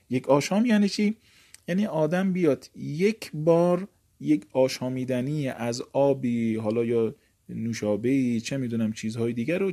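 Dark-voiced man teaching Arabic grammar. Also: medium pitch. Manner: explanatory, repeats words and examples. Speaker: seminary teacher.

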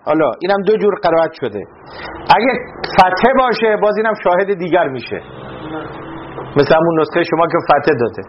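A man's voice: fairly high pitch, expressive, long pauses. A man teaching a classroom lesson on grammar, explaining step by step and often checking that his students follow. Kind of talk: classroom lecture. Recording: dull lo-fi recording with faint noise.

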